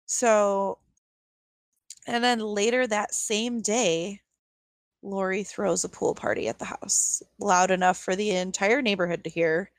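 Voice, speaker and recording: A woman's voice: medium pitch, fairly even intonation, unhurried, no room sound. A young adult woman co-hosting a podcast, telling a true-crime story casually with lots of fillers and incredulous asides. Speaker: podcast co-host.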